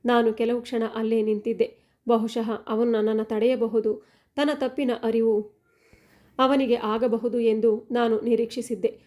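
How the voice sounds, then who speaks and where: A woman narrating a first-person family story in a steady, even reading. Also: on the high side, moderate pace.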